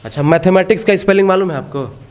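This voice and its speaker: A man's voice: high voice, fast, a little mellow. A man working as a field reporter, questioning students on the spot in a school classroom in an informal, prodding way.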